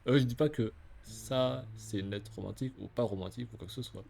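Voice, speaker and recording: A man's voice: medium pitch, brisk, gravelly, a little mellow, a little hiss or hum, pitched above the performer's own voice, natural voice. A man reading a game letter aloud in a raised voice, as a nervous teenage girl who rambles and second-guesses herself. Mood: flustered.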